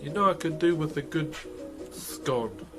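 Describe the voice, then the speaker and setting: A man's voice: on the high side, lively intonation, measured pace, over music. A man with a broad New Zealand accent chatting casually to viewers as a live streamer, laid-back and slangy. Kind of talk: casual livestream chat with viewers.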